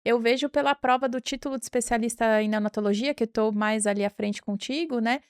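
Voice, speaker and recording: A woman hosting an interview, asking friendly questions and tagging her lines with quick confirmations. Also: a little high, clean tone, no room sound, studio quality. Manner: friendly, prompting with frequent "né?" tags. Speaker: host and pediatrics teacher.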